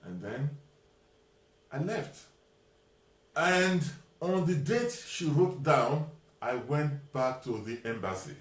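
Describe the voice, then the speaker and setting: Male storyteller, slightly high pitch, dramatic recounting, reverberant room. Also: takes it slowly, long pauses. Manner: animated retelling, acts out both sides of a dialogue. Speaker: vlogger telling a personal story. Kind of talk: storytelling monologue.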